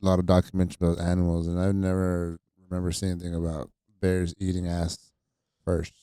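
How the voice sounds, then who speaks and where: Deep-voiced laid-back man reacting. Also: monotone, brisk, mellow, smooth, dry recording. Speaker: podcast co-host. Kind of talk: casual chat.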